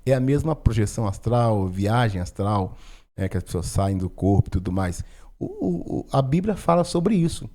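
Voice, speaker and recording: A man's voice: lowish voice, sing-song, normal speed, dark tone. A male pastor, teaching on spiritual matters in a casual, conversational way, often tagging his sentences with "né?" and "tá?". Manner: conversational, frequent "né?" and "tá?" tags. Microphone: microphone in front of him.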